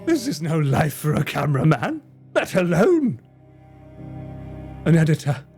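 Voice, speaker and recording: A streamer and cameraman swears freely as he chats and jokes theatrically with his live-stream viewers. His fairly high voice has big pitch swings and is a little slow and a little mellow, with faint music behind.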